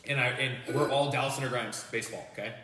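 A man's voice: mid-range voice, steady tone, fast talker, recorded from a distance, background noise. A man who is a pastor, talking about his faith in earnest and acting out what people said. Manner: earnest storytelling, quotes people aloud. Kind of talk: casual faith chat. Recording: roomy, echoey, from off the mic.

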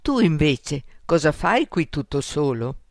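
A woman's voice: sits low, big pitch swings, measured pace, a little mellow, no room sound, studio quality, heavily acted. A woman voicing a frightened but polite little boy in a storybook, speaking in a small, scared voice.

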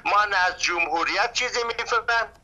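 Phone-in caller, man in his sixties from Iran, sharp-edged and fairly high, heated lecturing delivery. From Iran (Saveh). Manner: heated, lecturing, addresses the host as "brother". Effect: caller's voice over a phone line. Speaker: radio call-in caller. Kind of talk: impassioned call-in opinion.

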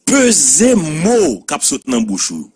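A man's voice: on the high side, wildly swooping pitch, slow pace, darkish tone, slightly rough. A man with a Haitian accent hosting a commentary show, talking in a sing-song way and repeating words for effect. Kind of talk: animated Creole commentary.

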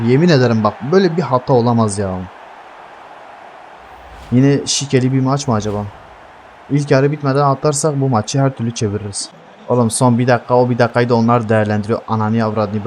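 A young man giving heated live gameplay commentary, swearing constantly and yelling at his teammates. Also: mid-range voice, a little hiss or hum. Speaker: gaming streamer.

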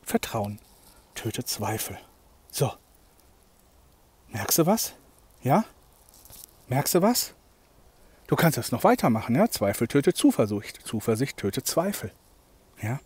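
A man hosting a motivational podcast monologue, talking emphatically, swinging between loud and soft and often checking in with "ja?". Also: mid-range voice, sing-song, unhurried, long pauses, slightly rough, no room sound. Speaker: podcast host, coach.

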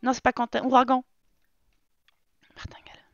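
A woman's voice: a little high, lively intonation, normal speed, a bit bright, smooth, no room sound, highs cut off. A woman streamer giving casual let's-play commentary, talking to and scolding her game characters in an exasperated way. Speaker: gaming streamer.

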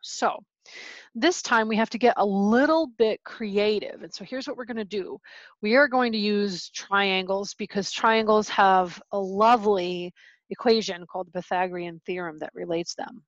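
This screen-recorded lecture comes from a woman teaching chemistry in a relaxed, talkative style from her home, where her dogs are around. She speaks at a moderate pace in a mid-range voice, and the dull recording has no echo.

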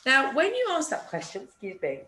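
A woman teaching an online French lesson, patiently modelling phrases slowly for learners to repeat. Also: high voice, huge pitch swings, sharp tone, slight background noise. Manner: patient, encouraging teacher talk. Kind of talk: online language lesson with screen share.

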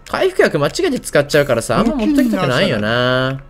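A man's voice: a little high, huge pitch swings, fast talker, soft background music. A man with a Kansai Japanese accent doing casual video game commentary, thinking aloud in short muttered questions.

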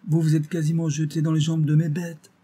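A man voicing a gruff rustic market gardener with a drawling country way of talking. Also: a little high, monotone, fairly quick, mellow, voice pushed up. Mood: relieved.

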